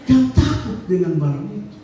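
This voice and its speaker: A man preaching a sermon as pastor, animated and acting out the stories he tells. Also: sits high, a little fast. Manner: animated storytelling, acting out scenes. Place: church. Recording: echoey church hall, distant mic.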